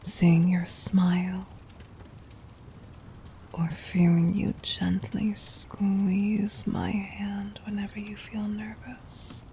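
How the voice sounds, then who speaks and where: In an intimate ASMR roleplay, a woman voices a tender, possessive demon queen, whispering softly and breathily with regal, formal terms of endearment. Her medium-pitched, flat delivery is very slow, with a slight hiss or hum, and the mood is tender and seductive.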